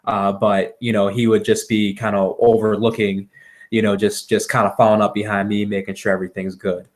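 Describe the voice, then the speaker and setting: A man with a fairly low voice and a Midwestern accent from Wisconsin makes a conversational sales pitch. He is agreeable and halting, often repeating words as he explains. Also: flat delivery. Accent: American Upper Midwest. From Wisconsin, United States. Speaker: real estate seller pitching to a homeowner. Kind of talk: conversational phone sales call.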